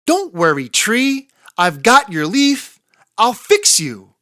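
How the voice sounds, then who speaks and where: Woman voicing an earnest, high-pitched little boy fox. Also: wildly swooping pitch, slow, pushed and bright, no echo, clean studio sound, full character voice. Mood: earnest, reassuring. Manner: pleading, emphatic, childlike earnestness. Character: earnest, anxious, caring little young male fox.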